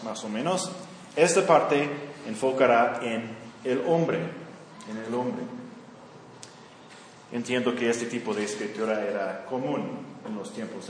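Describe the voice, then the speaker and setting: A man's voice: mid-range voice, a little hiss or hum. A man teaching a Bible study lesson, using fillers and often checking in with his listeners. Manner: frequent fillers and check-in questions. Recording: echoey hall, voice from far off.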